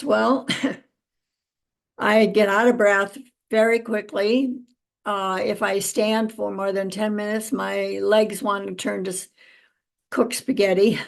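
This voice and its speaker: A woman chatting casually to viewers in an unhurried way, often pausing mid-sentence as she shares updates and advice. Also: mid-range voice, gravelly. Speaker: vlogger giving personal update and kitchen health tips. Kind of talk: casual chat to camera.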